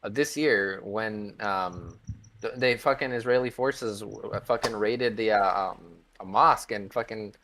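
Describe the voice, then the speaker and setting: A man's voice: lowish voice, measured pace, fairly bright tone, slight background noise. A man from the United States in casual chat, rambling and profane with many fillers.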